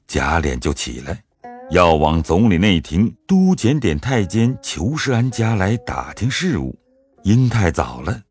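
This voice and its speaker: A man narrates a classic tale for an audio drama, measured and storytelling in manner. His voice is low and a little husky, yet his pitch moves expressively. Soft music plays underneath.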